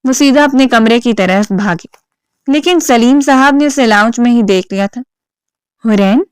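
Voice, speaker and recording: Smooth, clear-voiced woman narrating a story. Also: on the high side, no room sound, studio quality.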